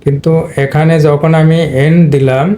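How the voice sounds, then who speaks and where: A man's voice: fairly high pitch, level tone, moderate pace, warm tone. A man teaching English spelling and pronunciation, explaining step by step and speaking directly to his students. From Bangladesh. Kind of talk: Bengali-language spelling and pronunciation lesson.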